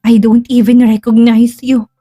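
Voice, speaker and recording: A woman's voice: fairly high pitch, flat delivery, measured pace, warm tone, dry recording, clean studio sound, faint music behind. A woman voicing a heartbroken, stern middle-aged mother who accuses her son through tears, then turns cold and firm. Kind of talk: dramatic storytelling.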